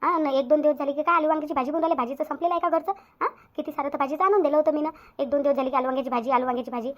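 A woman's voice: sits high, fairly even intonation, rapid-fire, lightly acted. A woman voicing a bossy nagging older aunt. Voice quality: scolding, nagging. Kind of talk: cartoon voice acting. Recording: dull lo-fi audio.

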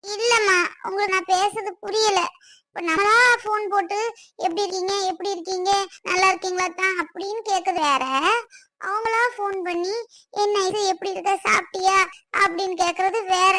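Woman acting as a young bride-to-be, tearful and pleading, very high bright voice, family skit. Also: little pitch movement, moderate pace, exaggerated voice. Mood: hurt. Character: young bride-to-be, hurt and sulky.

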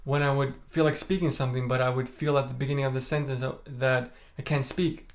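A young adult vlogger born in Estonia talks calmly and softly to a camera in front of him, framed at the chest, in a small room. His medium-pitched story comes out candid and unhurried, peppered with "like" and "you know."

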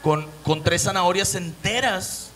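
A man's voice: high-pitched, measured pace, fairly bright tone. A young man from Monterrey with a northern Mexican accent, performing a profane, story-driven stand-up comedy set. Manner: profane, storytelling, acts out voices.

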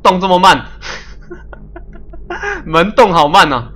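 A man streaming a puzzle game live, chatty and excitable, laughing often and making little sound-effect noises as he plays. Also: sits high, fairly quick, slight background noise. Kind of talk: live gameplay commentary.

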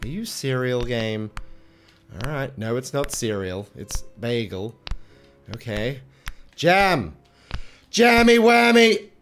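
A man giving let's play commentary, exasperated and swearing as he yells at the game he is playing. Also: medium pitch, slow pace, faint music behind. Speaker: gaming channel host.

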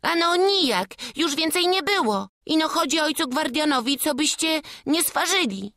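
A woman's voice: high-pitched, expressive, normal speed, pushed and bright, no room sound, studio quality, pitched above the performer's own voice, exaggerated voice. A woman reading an audiobook, voicing an earnest, humble young apprentice boy with rustic old-fashioned speech. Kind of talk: audiobook character voice.

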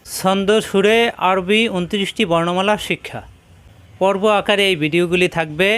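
A man teaching Quran reading in a spoken lesson, patiently repeating each letter sound slowly for practice. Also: high-pitched, steady tone, a bit bright, clear, resonant tone. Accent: Bangladeshi Bengali.

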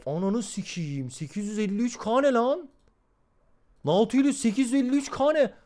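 A man's voice: extremely high pitch, moderate pace, darkish tone. A young man streaming a game live, swearing constantly and talking to his chat. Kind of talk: live gameplay commentary.

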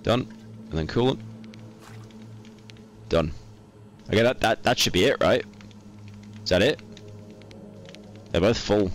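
Young guy streaming a game, panicky and sweary, lowish voice, game music going. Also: expressive, slow, pauses often. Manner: panicky, swearing, repeating words under stress. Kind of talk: live gameplay commentary.

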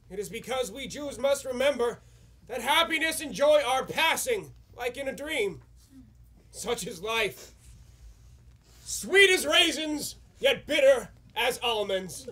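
An actor playing a solemn rabbi who speaks wistfully at a wedding on stage. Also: male voice, extremely high pitch, bright, forceful tone, heavily acted. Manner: solemn, sermon-like. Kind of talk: live stage musical acting.

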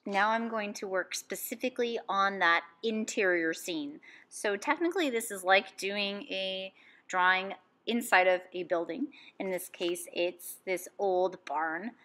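A woman art teacher giving calm, step-by-step instructions in a drawing lesson voice-over. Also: medium pitch, unhurried.

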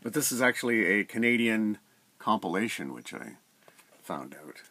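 A middle-aged man with a low voice talks about his record finds in an easygoing, rambling way, full of "uh"s. He sits close to the camera in a room at home. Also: moderate pace. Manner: relaxed, rambling, many "uh" fillers. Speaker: record collector vlogger. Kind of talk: casual record review. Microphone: camera at close range.

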